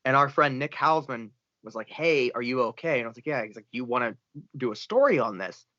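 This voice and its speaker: Animated man telling a story on a podcast. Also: medium pitch, a little fast, no echo. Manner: animated storyteller, acts out quoted lines. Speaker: podcast guest. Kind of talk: casual storytelling. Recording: dull lo-fi podcast audio.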